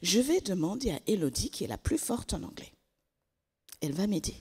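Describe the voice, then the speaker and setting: A woman's voice: mid-range voice, sing-song, a little fast, a little mellow, slightly rough. A woman voicing a schoolboy who stumbles and hesitates, in an echoey church. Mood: hesitant. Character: boy schoolchild struggling with English.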